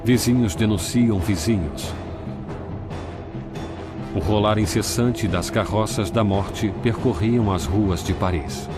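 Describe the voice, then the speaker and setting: A man reading scripted documentary narration in a grave, measured way, recorded as a studio voice-over. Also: on the low side. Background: music.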